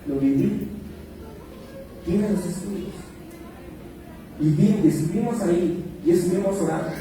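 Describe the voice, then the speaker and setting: High-voiced pastor in echoey hall. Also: male voice, measured pace, noisy background. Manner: storytelling, animated when acting out quotes. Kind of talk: sermon with personal testimony. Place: church hall. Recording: echoey hall, distant mic, music behind.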